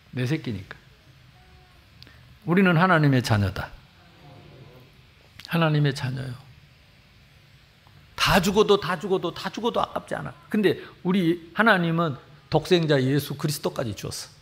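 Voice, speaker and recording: Animated middle-aged man preaching with dialect. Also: fairly high pitch. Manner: colloquial storytelling, animated and emphatic. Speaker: pastor. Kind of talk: sermon. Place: church sanctuary.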